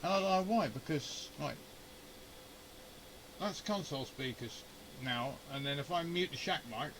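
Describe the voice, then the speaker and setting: There's a little hiss or hum in this low-quality recording of a man whose slightly high, somewhat bright voice moves unhurriedly. He's an amateur radio enthusiast hosting a video from his home shack. Chatting informally, he mutters and grumbles through a hands-on, unscripted troubleshooting session.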